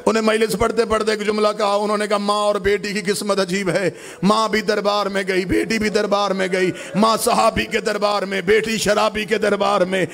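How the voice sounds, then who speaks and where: A man preaching a mourning sermon with passion, often breaking into a chanted sing-song and rising to loud cries. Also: high-pitched, flat delivery, moderate pace, creaky. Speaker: Shia majlis orator.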